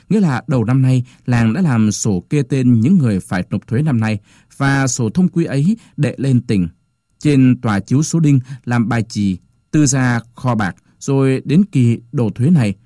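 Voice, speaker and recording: A man's voice: mid-range voice, dark tone, dry recording, clean studio sound, close to an everyday voice. A man playing an officious court clerk explaining the tax rules. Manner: explanatory, bureaucratic.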